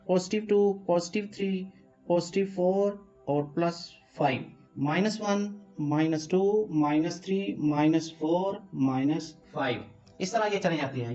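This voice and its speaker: A man's voice: high voice, a little mellow, muffled recording. A man from Pakistan teaching a math lesson, explaining each step patiently in a mix of Urdu and English terms.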